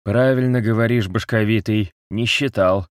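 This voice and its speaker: A man doing a sneering wounded captive in an audiobook, raised above a deep reading voice, lazy and unrepentant. The sound is dry and close, with no room around it. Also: steady tone, normal speed, no echo, natural voice. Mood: mocking. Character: mocking wounded male captive, jaw wired. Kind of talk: audiobook character voice.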